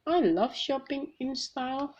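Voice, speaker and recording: A woman's voice: sits high, expressive, measured pace, pitched above the performer's own voice. A woman voicing an eager little girl piglet in a storybook reading, with an exclaiming manner. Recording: slightly muffled with faint hiss.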